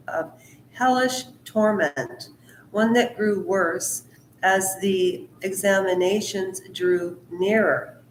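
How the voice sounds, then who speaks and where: On her own channel, a woman with a mid-range voice reads a book aloud slowly and deliberately, often stopping for rambling asides and casual commentary. The audio is poor, roomy, and carries a little hiss or hum.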